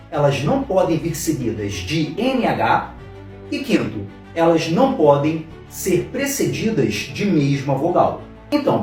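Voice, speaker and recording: A man with a high, lively voice walks through a grammar rule methodically, asking himself each question and answering it. He sounds set back from the mic in a very echoey room, with faint music underneath. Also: far from the mic. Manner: methodical, asks and answers his own questions. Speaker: Portuguese teacher. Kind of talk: grammar lesson at a board.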